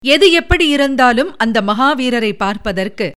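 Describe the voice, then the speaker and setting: A woman narrates a historical novel in a steady, even storytelling manner. Her voice is smooth and clear, sitting somewhat high, with an unhurried, scripted reading style.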